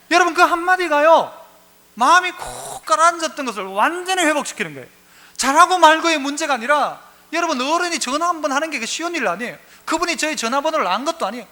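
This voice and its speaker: A man with a very high, bright and forceful voice delivers a Sunday sermon in a church. He tells stories in a lively way and keeps putting questions to the congregation. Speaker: pastor. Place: church sanctuary.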